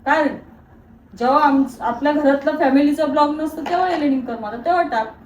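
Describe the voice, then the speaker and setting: A woman's voice: high voice, a little fast, darkish tone, highs cut off. A middle-aged mother in a home kitchen, talking in a defensive, insistent way during a casual family argument. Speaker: mother with a cooking channel. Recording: roomy, distant, noisy home recording.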